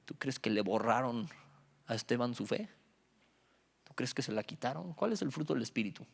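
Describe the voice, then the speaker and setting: Animated youth pastor preaching. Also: male voice, mid-range voice, moderate pace, vocal fry, husky. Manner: animated storytelling, acts out dialogue, jokes with the audience. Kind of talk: youth Bible study sermon. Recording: reverberant hall.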